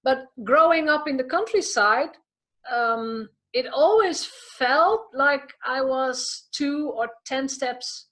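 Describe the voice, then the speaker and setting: A woman from the Netherlands with a Dutch accent, a coach chatting as an interview guest, telling stories with lively restarts. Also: high-pitched, slow pace. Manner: lively storytelling with frequent restarts. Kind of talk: casual interview chat.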